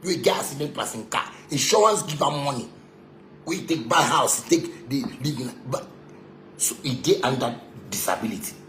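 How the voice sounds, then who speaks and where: The speaker is a man with a Ghanaian accent whose medium-pitched, slightly bright voice moves at normal speed with lively intonation. Angry and confrontational, he rants in Pidgin and broken English, repeating himself and insulting someone in an echoey room with background noise.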